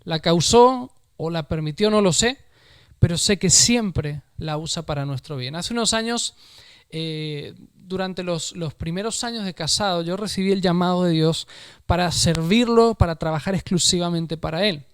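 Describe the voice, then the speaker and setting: A man's voice: high voice, normal speed, clear, resonant tone. A man preaching an online sermon and leading prayer, speaking earnestly. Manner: earnest, rising to fervent prayer. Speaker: pastor.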